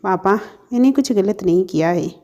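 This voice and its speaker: A woman voicing a hurt but composed young heroine who answers quietly and firmly in a storybook reading. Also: mid-range voice, expressive, moderate pace, lightly acted. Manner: quiet, firm.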